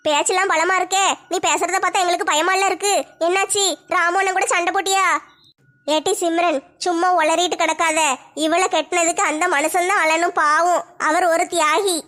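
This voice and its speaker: Very high, bright-voiced woman. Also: fairly even intonation, moderate pace. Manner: chatty, teasing. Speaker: comedy sketch creator. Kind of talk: village comedy skit.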